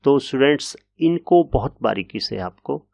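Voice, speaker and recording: A man teaching an English grammar lesson in a patient, explanatory way, often pausing with hesitation fillers. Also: mid-range voice, lively intonation, gravelly, a little mellow, no echo.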